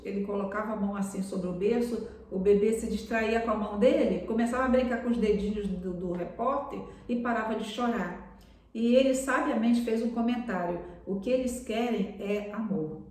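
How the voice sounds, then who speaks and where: A woman preaches a sermon on a live stream and keeps addressing her listeners tenderly as beloved. Her voice is of middling pitch. She sounds far from the mic in a strongly echoing room. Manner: warm pastoral address, calls listeners "amados".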